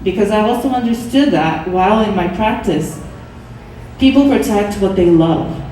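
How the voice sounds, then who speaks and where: A woman's voice: mid-range voice, expressive, normal speed, warm tone, slight background noise. A young adult woman from Brazil, a Portuguese speaker, earnestly explaining her art on a panel, with some restarts. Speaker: artist on a panel. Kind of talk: panel talk. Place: gallery event space. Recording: echoey room, distant mic.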